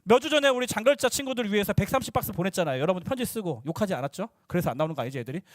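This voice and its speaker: A young male youth pastor preaching to middle schoolers, lively and teasing, slipping into casual talk with the teens. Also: sits high, very fast, no echo, clean studio sound.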